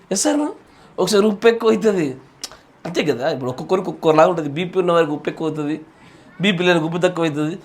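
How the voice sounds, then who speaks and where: A man with a Telangana Telugu accent, a pastor giving a sermon at a home Bible study. He jokes and keeps asking the room "yes or no?". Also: high voice. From Telangana, India. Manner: jokey, asks the room "yes or no?" again and again. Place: home gathering.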